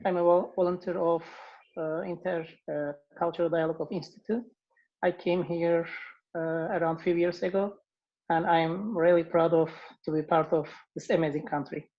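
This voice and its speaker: A woman from Turkey introducing herself haltingly on a video call. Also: fairly low pitch, little pitch movement, highs cut off.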